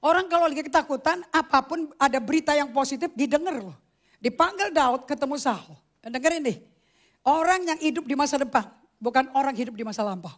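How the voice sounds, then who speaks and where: A woman pastor preaching a sermon in an animated, emphatic way, dropping English phrases into her talk. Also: high voice, quick pace.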